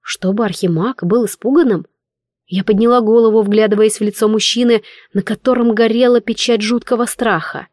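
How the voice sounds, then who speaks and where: A woman narrating a first-person fantasy audiobook with expressive, emotional storytelling. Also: fairly high pitch, brisk, no room sound, studio quality.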